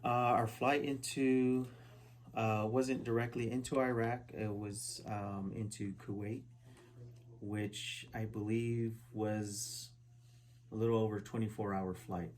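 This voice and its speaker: A man in his forties from Southern California, a veteran answering oral history questions at a relative's house, halting with many fillers and restarts. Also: on the low side, level tone, a little mellow, slight background noise. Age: 40s. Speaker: interviewee, Army veteran. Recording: poor quality home recording.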